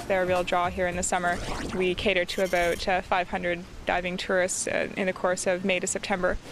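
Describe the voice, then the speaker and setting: A woman explaining her work as a dive operator in a nature documentary interview. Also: on the low side. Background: loud background music.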